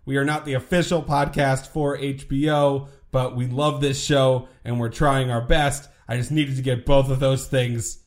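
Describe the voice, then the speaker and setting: A man's voice: medium pitch, level tone, moderate pace, few pauses. A man co-hosting a podcast in casual chat, with jokey, mock-dramatic exaggeration. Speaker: podcast co-host.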